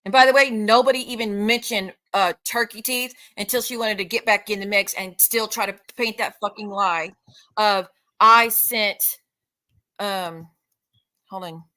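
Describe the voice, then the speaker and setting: A woman streamer rants unscripted and live, talking directly to her audience with plenty of swearing, sarcasm, and confrontation. She has a medium-pitched, fairly bright voice, keeps her intonation fairly even, and speaks at a moderate pace.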